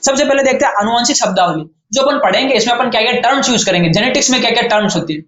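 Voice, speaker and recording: A man's voice: very high voice, rapid-fire, a bit bright. A man teaching a science lesson to exam students in Hindi with a Rajasthani accent, often repeating key terms back as questions. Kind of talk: classroom-style lecture. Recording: echoey room, faint noise.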